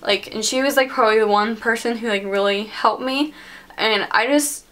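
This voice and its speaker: Chatting through a personal story in her casual vlog, this teenage girl leans heavily on the word "like." She speaks at normal speed in a high-leaning, fairly bright voice.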